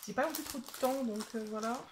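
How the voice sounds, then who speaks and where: A woman's voice: on the high side, fast. A woman vlogger casually showing her craft kit collection, chatty and peppering her talk with little "hop" and "voilà" interjections. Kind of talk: casual show-and-tell vlog. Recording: echoey room with clear background noise.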